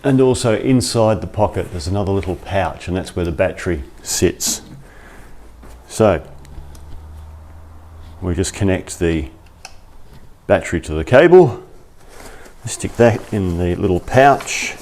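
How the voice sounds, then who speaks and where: A man's voice: sits low, lively intonation, unhurried, long pauses, a little mellow, a little hiss or hum. A man giving a casual, chatty product review in his workshop, thinking aloud as he goes, on a clip-on mic. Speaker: workshop vlogger. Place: cold workshop. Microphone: clip-on lapel mic.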